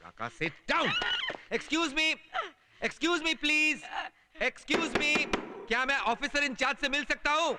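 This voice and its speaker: A man's voice: extremely high pitch, expressive, slow, full character voice. An actor playing a frantic young man who mixes Hindi and English as he pleads. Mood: pleading. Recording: noisy film soundtrack.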